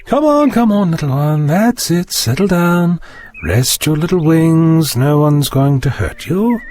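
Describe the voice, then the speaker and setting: Man acting eccentric, excitable time-travelling doctor, swooping delivery. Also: fairly high pitch, a little slow, soft background music. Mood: excited. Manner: whimsical, wordy, excitable. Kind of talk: scripted audio drama acting.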